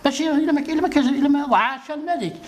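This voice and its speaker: Moroccan guy pleading into a reporter's mic, talks super fast, keeps repeating himself. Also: extremely high pitch. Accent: Moroccan Arabic. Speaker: citizen appealing for help. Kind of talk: street interview complaint.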